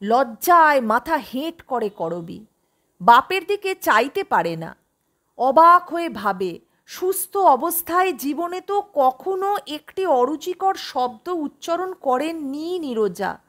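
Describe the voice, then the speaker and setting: Rich: A woman reading a suspense story aloud with expressive storytelling. Her voice sits very high and moves a lot, slow and bright. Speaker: narrator. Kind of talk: scripted audiobook narration.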